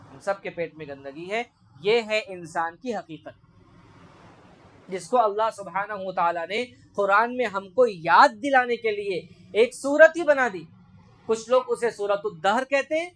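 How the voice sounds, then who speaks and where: A male preacher delivering a sermon to an assembled audience. He keeps turning to his listeners with rhetorical questions. He recites Arabic sayings at a slower pace, then explains them in plain speech. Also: sits high, fairly bright tone. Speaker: Islamic preacher. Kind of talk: sermon to a gathering.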